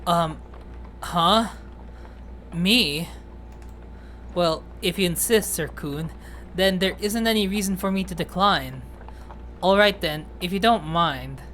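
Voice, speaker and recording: A woman voicing a timid, petite young male yokai in a game read-through, speaking shyly and hesitantly with halting pauses. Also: on the low side, fairly bright tone, slight background noise.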